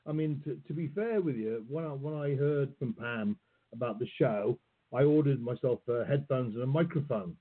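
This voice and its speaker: A man hosting an interview, asking questions in a halting, hesitant way, heard over a phone-like call line. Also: mid-range voice. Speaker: podcast host. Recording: husky voice on tinny phone-like call.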